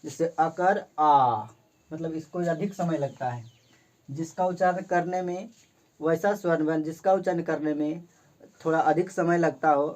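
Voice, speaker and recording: A man teaching an informal grammar lesson. He points at the board as he explains and restates each definition slowly, several times over. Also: on the high side, darkish tone.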